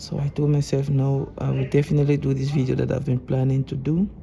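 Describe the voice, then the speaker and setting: A man with a Cameroonian accent, a repair technician talking calmly as he works, often restarting his sentences. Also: medium pitch, quick pace, vocal fry, lo-fi sound, crowd noise. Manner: calm, explaining as he works, with frequent restarts. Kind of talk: casual workshop vlog talk.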